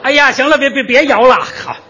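A man playing the straight man in a crosstalk comedy routine, teasing his partner with quick puns. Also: extremely high pitch, bright, forceful tone, a faint crowd, slight background noise.

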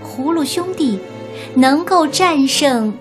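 A woman narrating a children's story in an expressive, deliberate way. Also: sits high, over music.

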